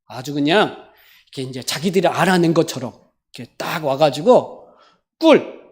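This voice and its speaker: A woman's voice: low-pitched, a little fast. A woman pastor giving a sermon, retelling a story in a conversational way with frequent questions to the congregation. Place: church sanctuary.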